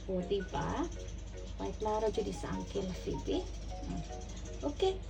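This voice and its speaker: A woman's voice: medium pitch, wildly swooping pitch, a little slow, vocal fry, loud music behind the voice. A woman vlogging with her cats, cooing baby talk at the kittens and chatting casually with them. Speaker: pet vlogger.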